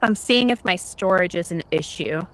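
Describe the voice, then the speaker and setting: Blunt, lively woman co-streamer. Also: fairly low pitch, normal speed. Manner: brief blunt replies, swears freely. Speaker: streaming co-host. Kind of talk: casual live-stream chat.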